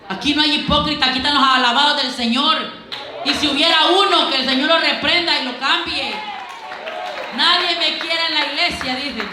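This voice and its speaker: A woman preacher delivers a lively sermon, urging her listeners with direct questions and slipping into playful quoted voices. Her voice is high and sharply bright. It rings through a heavily echoing church sanctuary. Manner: animated, exhorting the congregation with direct questions; acts out quoted voices with humor. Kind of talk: Pentecostal sermon. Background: congregation answering amens.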